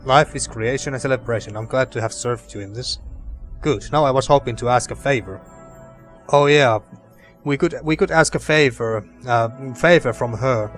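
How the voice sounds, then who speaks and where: Halting man doing game commentary, faint music. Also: medium pitch. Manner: halting, repeats and rephrases himself. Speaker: let's play host. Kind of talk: game commentary, reading on-screen text aloud.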